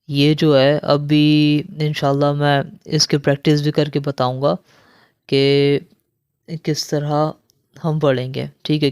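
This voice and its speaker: A man teaching beginners to read the Quran, slowly spelling out syllables and drawing out each word, then explaining the rules quickly. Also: fairly high pitch, a little mellow, clear, resonant tone, no room sound, clean studio sound. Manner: explains rules quickly, often checking in with the learner. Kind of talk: spelling drill lesson for beginners.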